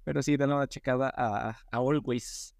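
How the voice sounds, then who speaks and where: A man with a Mexican accent, co-hosting a podcast, chiming in with quick slangy jokes about music. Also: mid-range voice, fairly even intonation, creaky, dry recording, clean studio sound. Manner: quick, joking, slangy interjections. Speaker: podcast co-host. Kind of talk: casual chat about music.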